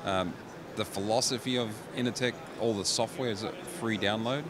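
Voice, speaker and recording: A man's voice: lowish voice, steady tone, moderate pace, crowd noise. A middle-aged man, a company managing director, explaining his products into a handheld mic at a trade show booth, with frequent restarts. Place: busy exhibition hall booth. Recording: noisy trade show floor.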